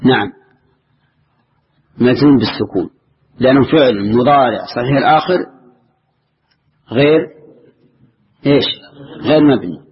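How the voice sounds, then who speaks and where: A man's voice: medium pitch, moderate pace, long pauses. An older man teaching a grammar lesson, repeating key phrases and quizzing his students. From Saudi Arabia. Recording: dull lo-fi lecture recording.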